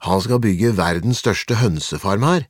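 A man's voice: fairly low pitch, expressive, dry recording. A man voicing an eager, gossiping young village boy in a storybook.

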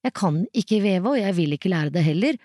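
A reader voicing a defiant twelve-year-old girl in a storybook, speaking higher than their narrating voice. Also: expressive, dark tone, dry recording, clean studio sound, natural voice. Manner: defiant, insistent.

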